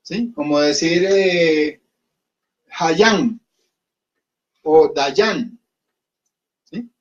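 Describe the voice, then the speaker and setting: A man's voice: fairly high pitch, drawn-out words. A man teaching a class at a whiteboard, patiently repeating himself and often checking that his students follow. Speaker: Hindi teacher. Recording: dull lo-fi recording.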